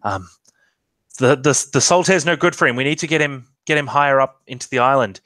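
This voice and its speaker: Man doing a caring, bossy young heroine in a tabletop storytelling game, bright tone, dry sound. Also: fairly quick, no room sound, close to an everyday voice. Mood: urgent. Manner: urgent, commanding, shouts in high yells. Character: caring, determined young woman, bossy when shouting.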